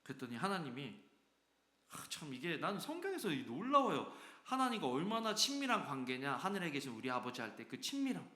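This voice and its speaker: Pastor, male, bright forceful tone, higher-pitched, church echo, animated preaching with acted-out asides. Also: a little fast. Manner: animated, acts out quoted voices with sudden loud and soft swings. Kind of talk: sermon. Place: church sanctuary. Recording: echoey church hall.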